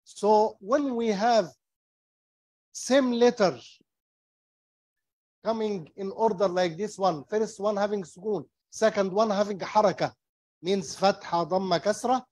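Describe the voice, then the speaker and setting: A man teaching Quran recitation rules, explaining slowly and patiently in English and demonstrating the recitation, repeating each term. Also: high-pitched, darkish tone, no echo. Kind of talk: slow tajweed lesson, mixing English and Arabic. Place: small mosque classroom.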